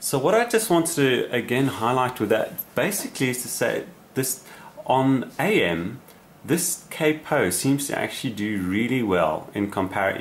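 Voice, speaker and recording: In a small indoor radio room, a man with a fairly low voice gives a casual, unscripted explanatory demonstration as a radio hobbyist. His phrasing is somewhat hesitant, and there's a little hiss or hum in the recording.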